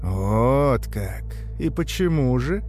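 A man voicing a sadistic, mocking gang leader with a raspy, coughing voice and a slow, taunting drawl. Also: medium pitch, animated, darkish tone, faint music behind. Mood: mock-tender. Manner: slow, taunting, mock-tender.

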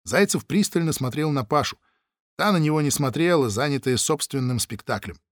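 A man narrating a novel in a vivid, storytelling manner. His slightly high voice swings widely in pitch. The recording is dry and close. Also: animated, brisk, no room sound. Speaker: audiobook narrator. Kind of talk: scripted narration.

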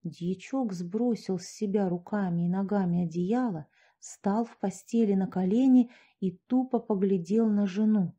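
A woman reading a short story aloud in steady, even audiobook narration. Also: medium pitch, measured pace, few pauses, slightly rough.

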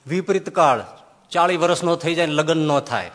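A man giving a devotional sermon, telling stories and swinging between loud rises and quiet drops. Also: on the high side, moderate pace, big-room sound. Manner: storytelling, lively rises and drops in loudness. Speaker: preacher.

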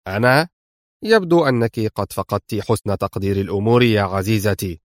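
A man's voice: fairly low pitch, a little fast, no room sound, clean studio sound, close to an everyday voice. A man reading a smug, gloating crime boss. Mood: mocking. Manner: smug, taunting laughter in voice.

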